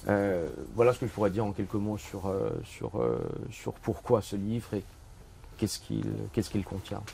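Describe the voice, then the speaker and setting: A man's voice: on the low side, animated, moderate pace, creaky, warm tone, slight background noise. A middle-aged man from Switzerland, an author presenting his book in a bookshop, talking with many fillers and restarts. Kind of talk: bookshop talk.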